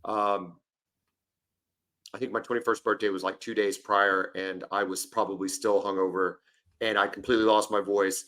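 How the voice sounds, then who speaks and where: A man in his forties co-hosts a sports podcast, chatting casually as an eager storyteller who often jumps in and talks over his partner. His voice is fairly low and fairly bright, delivered flatly at a normal speed.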